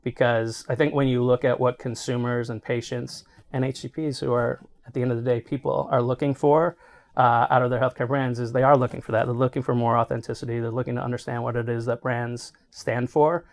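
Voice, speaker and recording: Brisk and medium-pitched, with little movement in pitch, a middle-aged man answers questions as a healthcare marketing executive being interviewed. His explanations are conversational, punctuated often by "right?".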